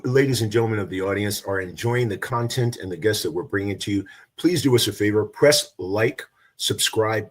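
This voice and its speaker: A male interview host from New York with a husky, slightly rough low voice. He speaks as a friendly presenter, greeting the guest and urging listeners along with enthusiasm. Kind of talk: hosted interview.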